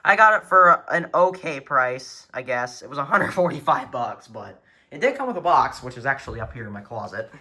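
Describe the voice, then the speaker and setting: A man with a mid-range, slightly rough voice speaks very animatedly and briskly, his tone bright and forceful. He is an enthusiastic weather radio collector giving a casual, chatty show-and-tell of his collection in a room at home, filming off screen with a handheld camera. Faint noise and button clicks can be heard.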